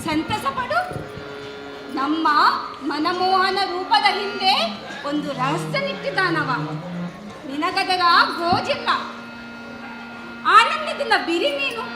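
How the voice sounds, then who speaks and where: A woman's voice: extremely high pitch, lively intonation, slow, long pauses, full character voice. A woman playing a wise companion doll. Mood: soothing. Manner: soothing, explaining. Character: wise female companion doll, calm counsellor. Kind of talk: stage drama. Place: large hall, live stage. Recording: echoey hall with crowd and music.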